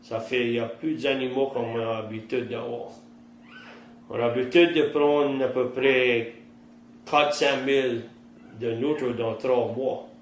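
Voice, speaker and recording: In an oral-history interview, a Cajun French trapper and fisherman in his fifties from southern Louisiana, United States, talks slowly about his past life. His medium-pitched voice keeps a fairly even intonation, and his speech is plain-spoken rural vernacular, heard with a roomy echo and faint background noise.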